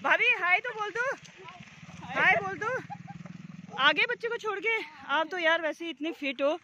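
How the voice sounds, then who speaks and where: A woman's voice: very high-pitched, lively intonation, measured pace. A woman from Uttarakhand chatting casually to her phone camera as she walks along an outdoor road, teasing the people she meets. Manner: chatty, teasing, talks to the camera while walking. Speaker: vlogger. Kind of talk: casual walking vlog chat. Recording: noisy outdoor street sound.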